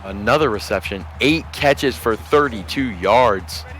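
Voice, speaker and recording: Male play-by-play caller, unhurried delivery, erupts on scoring plays. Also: on the low side, lively intonation, soft background music. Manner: measured, bursts into shouting on big plays. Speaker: play-by-play commentator. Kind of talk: sports commentary.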